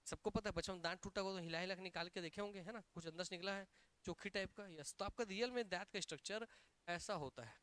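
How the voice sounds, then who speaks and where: A male coaching teacher with a Chhattisgarhi Hindi accent, giving a lively classroom lecture and drilling students with repeated questions and answers. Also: high voice, quick pace, clean tone. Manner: energetic, emphatic.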